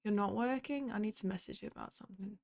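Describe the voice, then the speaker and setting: A woman's voice: medium pitch, fast talker, gravelly, a little mellow. A woman streamer chatting casually while sorting out a game event on her computer, swearing and making sarcastic asides.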